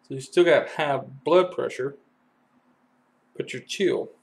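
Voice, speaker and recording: Kentucky man, HVAC tech, folksy explainer with fillers, mid-pitched voice. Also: slow pace, gravelly. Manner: folksy, loose analogies with many fillers. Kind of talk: casual how-to explanation.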